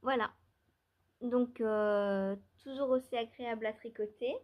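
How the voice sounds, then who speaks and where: A woman's voice: fairly high pitch, fairly even intonation, a little slow, phone-quality sound. A woman talks through her knitting in a casual vlog, wandering from thought to thought. She hesitates often, restarts her sentences and drops in small laughs. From France. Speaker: knitting vlogger. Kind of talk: casual chat.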